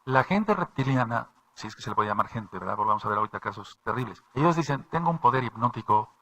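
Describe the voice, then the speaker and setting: A man's voice: on the low side, expressive, quick pace, sharp tone. A man pastor, preaching a sermon with frequent restarts and repeated phrases.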